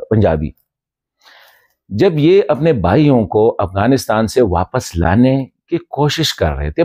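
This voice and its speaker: A man's voice: medium pitch, warm tone, no room sound, muffled recording. A man from northwest Pakistan giving a commentary, speaking straight to a colleague with rhetorical questions and respectful reproach. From Khyber Pakhtunkhwa, Pakistan. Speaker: journalist and commentator. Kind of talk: direct-address commentary video.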